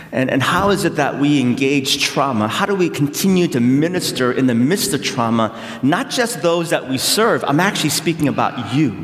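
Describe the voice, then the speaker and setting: A middle-aged pastor born in South Korea gives a conversational sermon, sprinkled with gentle self-deprecating jokes and thoughtful pauses. His medium-pitched voice rings through a large hall with a long, lingering reverb.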